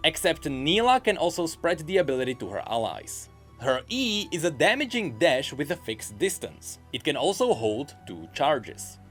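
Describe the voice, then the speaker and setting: Over background music, a man with a fairly high, fairly bright voice hosts a scripted gaming news show. He narrates with wry, dryly sarcastic asides.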